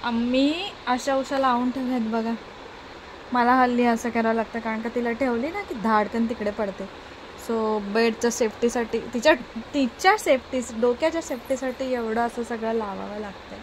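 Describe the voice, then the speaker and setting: A woman's voice: fairly high pitch, normal speed. A young mother, chatting casually at home in a vlog and slipping into doting baby talk. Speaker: mother and vlogger. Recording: noisy home phone recording.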